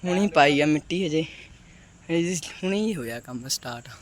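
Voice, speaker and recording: A man's voice: a little high, expressive, normal speed. A man with a Punjabi accent chatting casually to viewers and calling out to his companions in a colloquial vlog style. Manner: colloquial, calls out to companions and addresses viewers as friends. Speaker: pigeon-keeping vlogger. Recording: noisy handheld recording with clicks.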